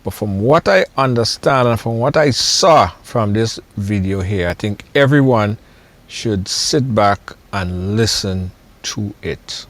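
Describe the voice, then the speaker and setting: A man's voice: medium pitch, a bit bright, dry recording. A man hosting a channel, introducing a video and urging viewers to keep watching. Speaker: channel host.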